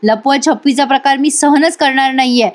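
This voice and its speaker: A woman's voice: high-pitched, normal speed, close to an everyday voice. A woman voicing an angry, suspicious young husband who needles his wife sarcastically. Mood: irritated. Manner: sarcastic, accusing.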